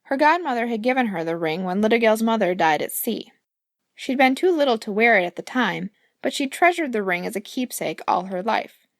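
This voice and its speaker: A woman's voice: a little high, expressive, fairly quick, no echo, studio quality. A woman, the author, reading her own fairy-tale audiobook, playful and speaking asides to the listener. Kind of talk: audiobook narration.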